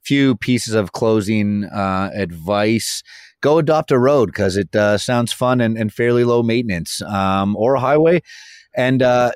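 A man's voice: lowish voice, clear, resonant tone, dry recording, clean studio sound. A Canadian man hosting a podcast in a casual, conversational style. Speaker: podcast host.

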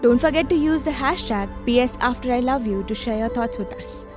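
A woman's voice: fairly high pitch, fairly quick. A woman reading a scripted podcast outro as host. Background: music.

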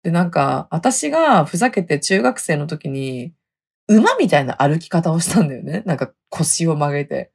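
Husky-voiced chatty woman podcast host. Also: sits low, big pitch swings, normal speed, darkish tone. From Hokkaido. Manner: chatty, laughs often, dialect sentence endings. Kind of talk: casual storytelling chat.

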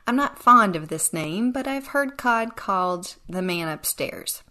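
A woman's voice: mid-range voice, expressive, measured pace, pushed and bright. A woman hosting a devotional podcast, teaching in an earnest, reflective way with a touch of dry sarcasm. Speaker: podcast host.

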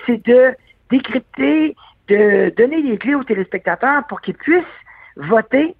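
This Québécois man from Quebec is a guest in a casual interview, chatting hesitantly with many fillers and restarts. His voice is very high, husky, animated, and unhurried, and the dry recording sounds like a tinny phone line.

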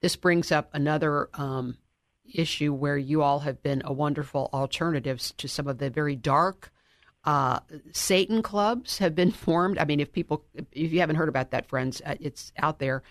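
A man's voice: a little high, normal speed, no echo, clean studio sound. A man hosting a radio interview, affirming his guest and encouraging listeners. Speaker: radio show host.

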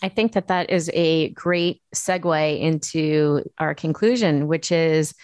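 Low-voiced woman hosting, earnest and emphatic. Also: fairly even intonation, slow, a little mellow, smooth, dry recording, studio quality. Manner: earnest, emphatic, many restarts. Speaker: host. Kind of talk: casual chat.

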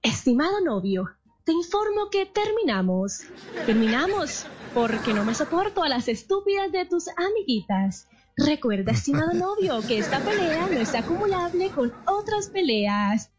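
A woman with a Colombian coastal accent voicing a sugary, fake-polite supermarket loudspeaker announcer in a comic impression. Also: sits high, very animated, background noise. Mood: sweetly cutting. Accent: Colombian Caribbean coast. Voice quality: syrupy, drawn-out, fake-polite.

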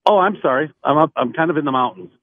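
A man's voice: fairly high pitch, fast talker, no room sound. A man calling in on a crackly phone line that fades in and out, chatting loosely with lots of fillers as a realtor. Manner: rambling, loose, full of fillers and restarts. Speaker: realtor calling in to a radio show. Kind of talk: casual phone-in chat. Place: outdoors in the mountains. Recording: tinny, narrow phone line.

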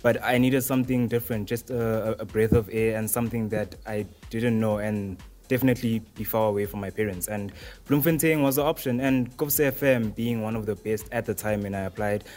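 A man's voice: fairly low pitch, darkish tone. A young man from Johannesburg answering interview questions, hesitant and rambling with restarts. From Johannesburg, South Africa. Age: young adult. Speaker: interviewee, student radio presenter.

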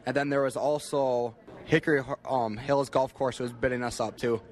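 A young American man giving casual, halting, plain-spoken answers as an interview guest. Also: medium pitch, fairly even intonation. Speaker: interview guest, livestock exhibitor.

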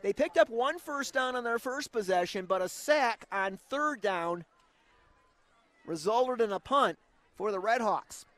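A man with an American accent doing live football play-by-play as a radio announcer, with an excited, rising touchdown call when a play breaks open. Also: extremely high pitch, a little slow, no echo. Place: live at an outdoor high school stadium.

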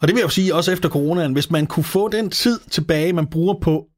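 A man's voice: on the high side, no echo. Dry-sounding ranting Danish man. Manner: ranting, playful exaggeration. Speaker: podcast host. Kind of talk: comedic casual chat.

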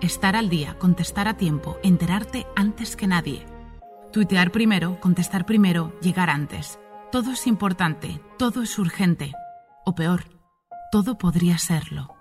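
A woman reading a scripted narration with a steady, listing rhythm. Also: on the low side, measured pace, faint music behind.

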